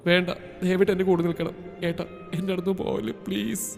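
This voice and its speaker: A man's voice: fairly even intonation, fast talker, vocal fry, big-room sound, faint music behind. A man voicing a frightened young woman patient who pleads tearfully in a storybook reading. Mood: tearful pleading. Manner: pleading, tearful, high and soft.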